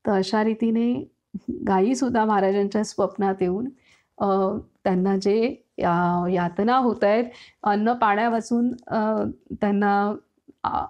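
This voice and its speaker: Devotional reader: woman, Marathi accent, mid-range pitch, unhurried and hesitant while explaining. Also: fairly even intonation, muffled recording. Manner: slow, hesitant explaining with many fillers. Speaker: reader and commentator on a saint's biography. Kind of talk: devotional reading with commentary.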